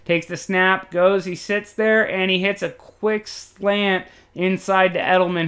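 A man doing joking, excitable, folksy play-by-play commentary on a football video game. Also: a little high. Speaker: play-by-play announcer.

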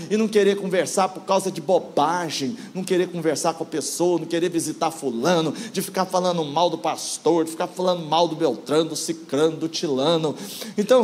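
A man in his sixties preaching in a conversational, playful way, often asking the congregation questions. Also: high voice. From Brazil. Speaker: guest preacher. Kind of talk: sermon.

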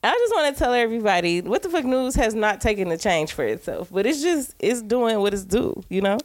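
A woman's voice: medium pitch, sing-song, fairly quick, no echo. A young woman co-hosting a podcast, casual chat, blunt and teasing with lots of slang. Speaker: podcast co-host.

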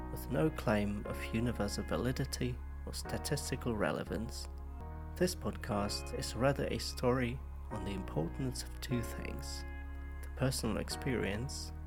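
A man narrates his podcast from a script in a measured, reflective way. His voice is gravelly and sits a bit low. Clear music runs underneath.

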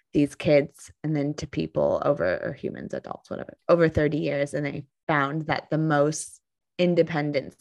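A woman in her thirties co-hosting a podcast, chatting casually and telling animated stories. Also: low voice, creaky, dry recording. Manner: chatty storyteller, animated when amused. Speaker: podcast co-host. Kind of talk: casual chat.

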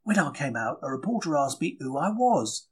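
Performing a dramatic diary reading in the first person, a man plays a chatty, plucky young 1930s working-class bookseller who is wry and quick to take things to heart. His fairly high, rough-edged voice is very animated, his phrasing emphatic and colloquial, and he sounds matter-of-fact and indignant.

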